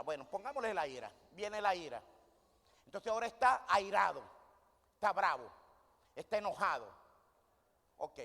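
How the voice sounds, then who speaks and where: Here the man's voice is high and fairly bright. Preaching in a church hall with a long reverberant tail, he puts questions to the congregation and supplies the answers himself.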